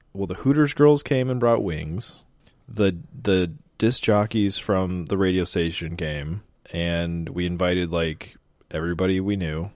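A man in his late twenties from Illinois, a podcast guest who tells stories in a laid-back, halting way full of fillers. His voice is very deep and recorded dry and close. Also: darkish tone, dry recording. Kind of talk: casual chat.

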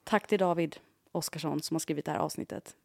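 A woman's voice: low-pitched, vocal fry, darkish tone, dry recording, studio quality. Eager female podcast co-host. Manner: eager listener, chiming in with reactions. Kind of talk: casual chat.

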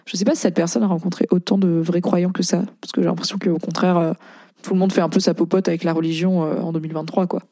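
A woman's voice: on the low side, flat delivery, quick pace, dark tone, no room sound, studio quality. A young French-speaking woman hosting a casual podcast, reading and commenting on posts in a chatty way with many fillers.

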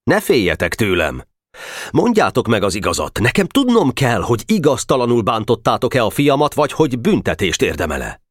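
A man's voice: medium pitch, wildly swooping pitch, no room sound, studio quality, pitched above the performer's own voice. A man voicing a stern, earnest middle-aged father in an audiobook reading.

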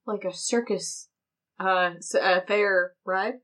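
A woman's voice: mid-range voice, steady tone, slow, a bit bright. A woman playing a tabletop game, joking and swearing freely. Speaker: player. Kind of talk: casual tabletop play.

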